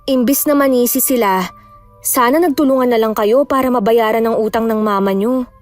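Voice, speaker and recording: A woman playing a caring young woman who calmly reassures her friend in a horror audio drama. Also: on the high side, normal speed, soft background music, natural voice. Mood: reassuring. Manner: reassuring and sensible.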